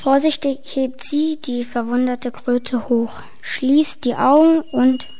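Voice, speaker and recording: A woman's voice: high voice, fairly even intonation, slow, noisy background. A woman reading scripted narration for a fairy tale audio play.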